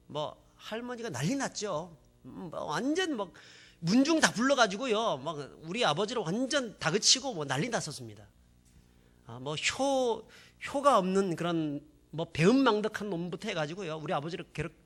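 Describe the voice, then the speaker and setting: Brief: male pastor, high bright voice, dramatic testimony, hushed to loud. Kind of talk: sermon testimony.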